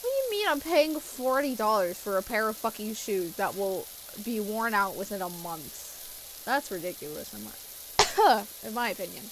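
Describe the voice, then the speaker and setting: A woman's voice: medium pitch, very animated, moderate pace, background noise. A young woman streamer with a stuffy nose, chatting casually while she plays, rambling with lots of fillers and casual swearing. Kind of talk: casual chat while gaming.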